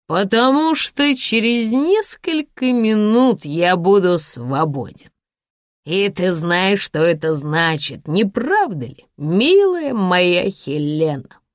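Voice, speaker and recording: A woman's voice: mid-range voice, big pitch swings, slow pace, no echo, studio quality. A woman reading an audiobook, voicing a drunken, boastful ruined man who slurs his words theatrically. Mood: drunk, mocking. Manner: slurred, theatrical, loud. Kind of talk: audiobook character voice.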